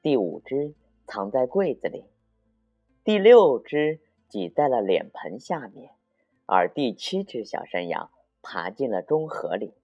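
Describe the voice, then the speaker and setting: Slow sing-song male storyteller. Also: mid-range voice, very animated, a little mellow, dull audio, faint music behind. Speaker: children's storyteller. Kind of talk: children's story narration.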